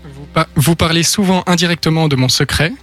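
Man reading clues in a calm, measured way. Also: a little high, faint music behind. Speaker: studio guest.

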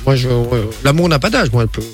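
A man's voice: mid-range voice, quick pace, soft background music. A man hosting a live evening radio show, joking around with his co-hosts and tripping over filler words. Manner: lively, joking, hesitant fillers. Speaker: radio host.

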